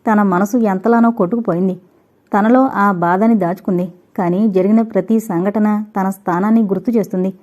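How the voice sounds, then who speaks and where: A woman reading a novel aloud in a measured storytelling manner. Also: mid-range voice, fairly even intonation, a little mellow. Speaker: audio novel narrator. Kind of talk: scripted narration. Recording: dull lo-fi recording.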